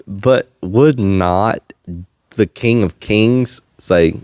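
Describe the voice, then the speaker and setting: A man's voice: on the low side, drawn-out words, darkish tone, smooth, no echo, studio quality. A man hosting a faith-based podcast, talking in an earnest, slightly preachy way and chuckling often. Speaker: podcast host. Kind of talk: faith-based casual chat.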